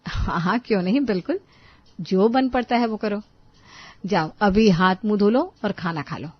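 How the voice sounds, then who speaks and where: A woman voicing a calm, sensible older sister-in-law in a cartoon, speaking in a measured way. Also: medium pitch, slightly rough, dry recording, natural voice. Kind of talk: cartoon voice acting. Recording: dull dry studio voice-over.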